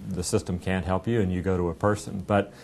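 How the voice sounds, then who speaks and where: During an interview and product demo in an indoor meeting room, a middle-aged software company rep explains things conversationally. His voice is steady and darkish, moving a little fast. The clipped lapel mic gives a clear recording with a low rumbling room noise.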